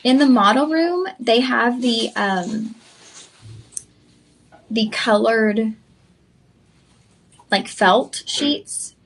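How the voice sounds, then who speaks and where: Selling on a live-stream shopping channel, a young woman is effusive and chatty, addressing viewers as y'all. Her voice is a little high, yet she speaks extremely slowly with long pauses, and the recording is rough.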